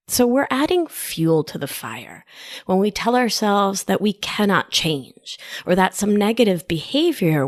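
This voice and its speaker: Recorded in clean studio conditions with no room sound, this Argentine-accented woman has a mid-range voice. She is a New York life coach reading a scripted solo podcast, and her tone is lively, affectionate and playful, with plenty of asides.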